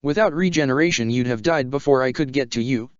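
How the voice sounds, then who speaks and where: Curt annoyed young swordswoman, man reading her, smooth voice, dry dull sound. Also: mid-range voice, fast talker, dry recording, natural voice. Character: stern young woman soul reaper.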